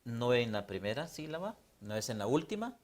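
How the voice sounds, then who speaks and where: A man's voice: mid-range voice, sing-song, brisk. A man with a Honduran accent co-hosting an educational TV lesson, speaking formally and turning to the audience. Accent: Honduran Spanish. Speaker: teacher co-host.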